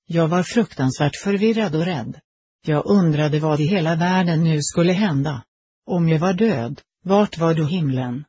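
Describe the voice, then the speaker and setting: A man reads a first-person story aloud in an even, steady way. His voice is dark and mellow, with a breathy, husky grain. The sound is close and dry. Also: on the high side, dry recording. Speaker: narrator. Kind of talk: scripted story narration.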